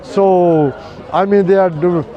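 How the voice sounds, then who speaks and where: An older man with a high voice speaks slowly and fairly evenly, talking earnestly with a passer-by on a busy city street. He's a street preacher explaining his views, with lots of fillers, and the audio is lo-fi.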